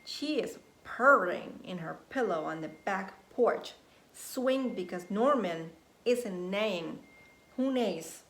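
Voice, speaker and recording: A nursery teacher with a mid-range voice reads a story aloud to young children, expressive and deliberate, stopping to prompt them with questions. She's indoors at home, and the home recording has a roomy echo and faint background noise.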